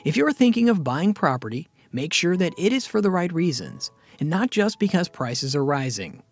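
A man delivers a scripted explainer on finance, keeping a steady, explanatory tone at a moderate pace. Quiet, soft music runs underneath while his somewhat high voice moves lively through its pitch range.

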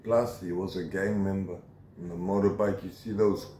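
A man's voice: deep voice, fairly even intonation, normal speed, dark tone, reverberant, a little hiss or hum, rough recording. A South African man in his forties, telling his life story as an interviewee in a tough, emphatic way with strong conviction, filmed at close range on a phone camera. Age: 40s. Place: outdoor shelter against a corrugated metal wall.

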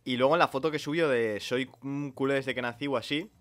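A man from Spain, co-hosting a relaxed, slangy reaction chat. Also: medium pitch, brisk, dry recording. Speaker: co-host.

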